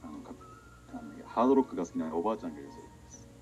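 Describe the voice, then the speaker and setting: A man who is a guest in a casual chat, relaxed and quick, sometimes switching to English. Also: sits low, soft background music. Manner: relaxed, speaks quickly, slips into English lines.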